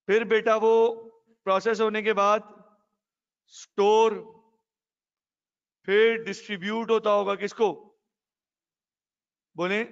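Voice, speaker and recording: A man's voice: high voice, level tone, slow, long pauses, clean tone. A male teacher, lecturing a class and quizzing students, calling them "beta". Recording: muffled classroom recording with long reverb.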